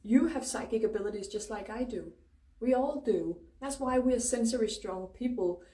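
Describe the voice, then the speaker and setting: With a higher voice yet a dark tone, this Danish-accented host speaks at normal speed. Native to Danish, she leads an informal spiritual talk, emphatic and free with curse words. A distant mic picks up a roomy echo.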